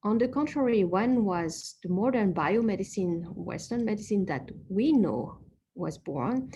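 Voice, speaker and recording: A woman with a lowish, gravelly, warm voice gives an informal online talk with slides, with a slight hiss or hum in the background. She's an acupuncturist who explains things patiently, often using fillers and correcting herself.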